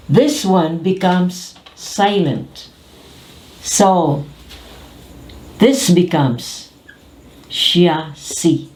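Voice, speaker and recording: Very slow, careful woman teacher. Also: mid-range voice, warm tone. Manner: careful, over-articulated word drills. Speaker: pronunciation teacher.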